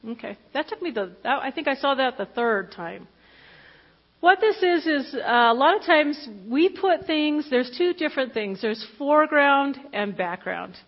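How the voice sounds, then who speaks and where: A woman's voice: high voice, expressive, measured pace. Fifty-year-old woman preaching in an echoing hall. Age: 50s. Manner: candid, conversational, with fillers and self-corrections. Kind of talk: personal testimony sermon. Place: church hall. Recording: dull lo-fi recording with long hall reverb.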